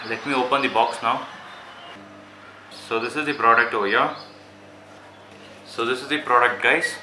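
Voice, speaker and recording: This gadget vlogger has a medium-pitched, sharp-toned voice at normal speed, with faint music behind him. He's a man with an Indian accent doing a casual, informal unboxing for viewers, repeating himself a lot and addressing them as "guys," in an echoey room with faint background noise.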